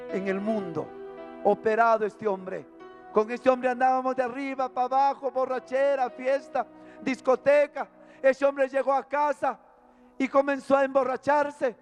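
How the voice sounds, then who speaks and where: High-voiced man preaching fervently. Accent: Peruvian Spanish. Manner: fervent, emotional preaching with repeated phrases. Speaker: preacher giving a testimony. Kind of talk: testimony sermon. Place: church service.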